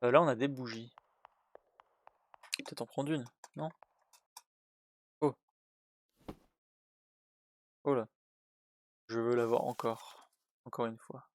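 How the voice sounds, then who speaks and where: A man's voice: medium pitch, steady tone, unhurried, pauses often. A man commenting on a horror game as he plays, translating its text aloud with many fillers and restarts. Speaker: gaming youtuber. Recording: faint game music behind.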